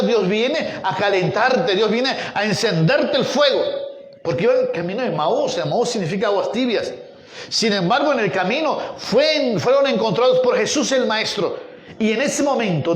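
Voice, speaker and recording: A male pastor preaching a sermon with passion, rising to pleading calls and dropping to hushed scripture readings. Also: reverberant. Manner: impassioned preaching, swinging between raised pleas and low hushed readings.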